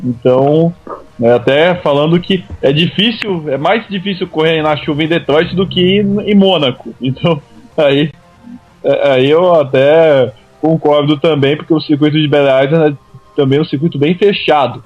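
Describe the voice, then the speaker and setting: A man's voice: fairly high pitch, normal speed, faint music behind. A Brazilian man giving conversational racing analysis as a pundit, often ending phrases with a tag question. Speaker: motorsport pundit. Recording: dull lo-fi radio sound, dry.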